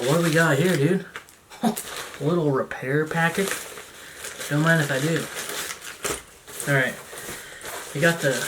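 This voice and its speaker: A young man vlogging casually at home, chatty and self-mocking, with jokey asides as he unpacks gear. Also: on the high side. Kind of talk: casual unboxing vlog. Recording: roomy, distant camera mic, noisy.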